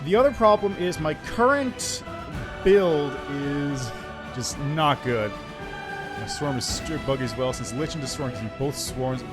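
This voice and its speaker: A man's voice: a little high, expressive, a little slow, loud music behind the voice. A man chatting casually with viewers on a livestream through a headset mic, greeting them and reading chat aloud between gaming remarks. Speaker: streamer.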